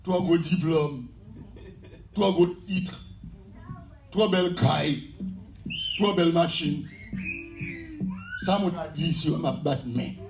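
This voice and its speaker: A Haitian man preaching a fervent sermon as pastor, often shouting and repeating his phrases. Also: on the high side, slow pace, vocal fry, pauses often, faint music behind. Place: church. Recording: echoey church hall.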